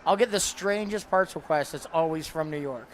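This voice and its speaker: A man being interviewed as a parts vendor, speaking in an emotional, heartfelt way with halting pauses. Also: fairly high pitch, a little hiss or hum. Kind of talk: live interview.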